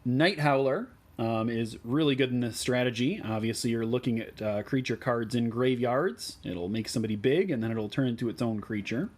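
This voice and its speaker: A man with a Midwestern American accent explains card choices for a deck in a relaxed way, with many ums and uhs. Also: mid-range voice, normal speed, few pauses. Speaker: deck tech host.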